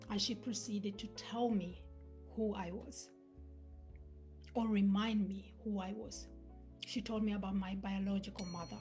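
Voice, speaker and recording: On a live stream, a Ugandan-born woman in her thirties gives an earnest motivational talk, dropping to a whisper for emphasis. Her voice is medium in pitch with a darkish tone.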